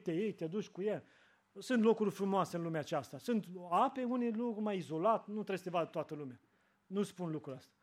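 A man's voice: high voice, a little mellow. A man preaching a sermon to his congregation, earnest, acting out short dialogues in changed voices.

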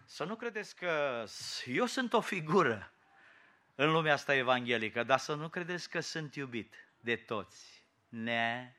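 A man's voice: medium pitch, expressive, sharp tone. A man with a Romanian accent preaching a sermon in a fiery, rhetorical and mocking way.

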